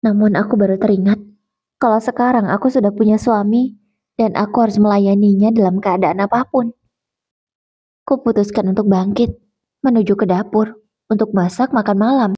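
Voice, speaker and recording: A woman narrating a first-person story in a calm, measured way. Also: mid-range voice, breathy edge. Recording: dull lo-fi recording.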